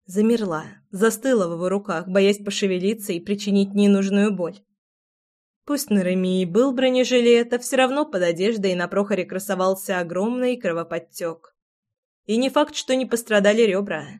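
A woman narrating a first-person romance audiobook, reading in an expressive, emotive way. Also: mid-range voice, moderate pace.

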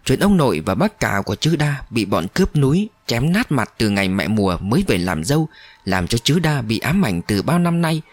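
A man narrates a story with dramatic expression. His pitch moves widely through each sentence. The recording is close and dry with no room sound. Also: big pitch swings, moderate pace, no room sound.

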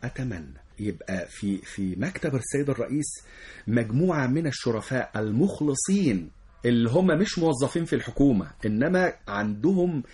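A man's voice: mid-range voice, lively intonation, fairly quick, a little mellow, breathy edge. A man with an Egyptian Arabic accent, an education lecturer who is a talk show guest. He explains his views earnestly and in a lecturing way, often acting out example dialogues. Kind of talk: explanatory interview answers.

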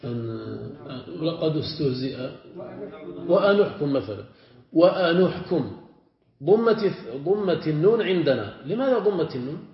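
A man's voice: on the high side, animated, moderate pace. Male sheikh teaching in a roomy hall. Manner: repeats word forms and checks in with students. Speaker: sheikh teaching Arabic grammar. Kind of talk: classroom grammar lesson. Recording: roomy, dull lo-fi classroom recording.

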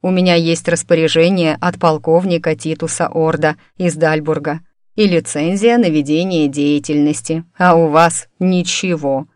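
A woman's voice: low-pitched, fairly even intonation, normal speed, a little mellow, no room sound, lightly acted. A self-assured male mentalist with a lazy, languid drawl, voiced by a female audiobook narrator. He sounds cool and completely unbothered. The recording is close and dry.

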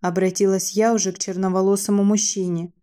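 A woman reading a first-person novel aloud as an audiobook narrator, dramatic and measured. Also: medium pitch, flat delivery, warm tone.

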